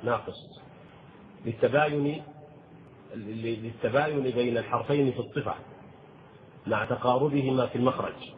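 A man teaching the rules of Quran recitation, explaining slowly and deliberately and chanting short verses as examples. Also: medium pitch. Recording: tinny phone-like audio with faint noise.

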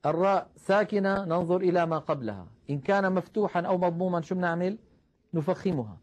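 A man teaching the rules of Quran recitation, explaining patiently, calling his listeners brothers and slowing down to recite example verses. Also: high-pitched, darkish tone. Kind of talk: tajweed lesson.

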